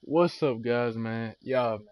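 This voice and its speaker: A man's voice: mid-range voice, takes it slowly, clean tone, highs cut off. A tired man livestreaming a casual, slangy sports recap and rant, peppering his talk with bro and man. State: tired after being up all night.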